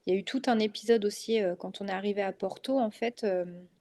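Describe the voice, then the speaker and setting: Talking fast in a mellow, medium-pitched voice with fairly even intonation, this thirtysomething mother of three has a northern French accent. She chats casually as an interview guest, full of hesitations, fillers and false starts.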